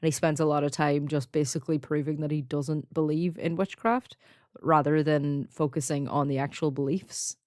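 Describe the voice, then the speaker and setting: A woman's voice: low-pitched, steady tone, moderate pace, darkish tone, no room sound, studio quality. A woman with a Donegal Irish accent co-hosting a podcast, chatting casually, laughing often and leaning on "like" as a filler. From Donegal, Ireland. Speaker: podcast co-host. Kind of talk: casual chat.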